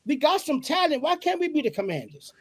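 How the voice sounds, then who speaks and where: A woman co-hosting a casual sports podcast, animated and joking, firing off questions. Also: sits high, fairly quick. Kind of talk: casual chat.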